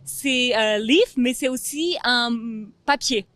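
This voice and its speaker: A woman's voice: on the high side, takes it slowly, a bit bright, no room sound. A woman presenting and teaching as a host, explaining things simply in an encouraging, casual way.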